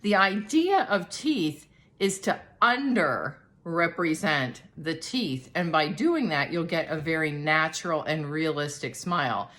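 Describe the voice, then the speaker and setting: A woman's voice: low voice, expressive, a little slow, a bit bright. A middle-aged woman, an art teacher, explaining a drawing lesson in a chatty, demonstrative way.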